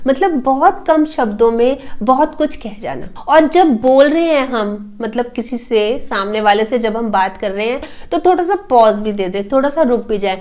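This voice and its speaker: A woman's voice: on the high side, lively intonation, moderate pace, hardly any pauses, a little mellow. A woman coaching on how to talk so people listen, explaining points with everyday household examples and lots of fillers. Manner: uses fillers like matlab and a. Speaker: personality development coach. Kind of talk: casual spoken advice talk.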